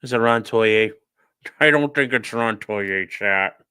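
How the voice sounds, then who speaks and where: Slow and smooth, a man's fairly low voice carries a bright, forceful tone as he, a streamer and legal commentator, reads viewer comments while building a model. The livestream chat is casual, with him joking sarcastically and offhandedly right at his chat.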